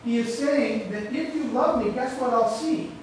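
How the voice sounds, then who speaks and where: A man's voice: very high-pitched, normal speed, reverberant, slight background noise. A man preaching a sermon as pastor, asking his congregation questions and answering them himself, speaking into a church microphone. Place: church sanctuary. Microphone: stand microphone, sometimes stepping away.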